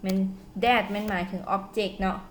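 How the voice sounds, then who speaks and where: A woman with a Lao accent teaching English at home. She says English phrases slowly and carefully, then quickly translates each one. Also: medium pitch, steady tone, a little hiss or hum. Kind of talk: casual spoken lesson.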